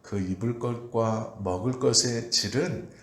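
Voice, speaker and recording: A male pastor preaching an early-morning prayer sermon in a calm, measured way, pausing often with "uh". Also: medium pitch. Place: church sanctuary. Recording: echoey church room with faint ambient noise.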